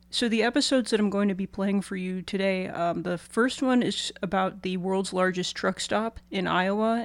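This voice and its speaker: A woman radio host informally introducing her show in a halting, conversational way. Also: mid-range voice, vocal fry, no echo.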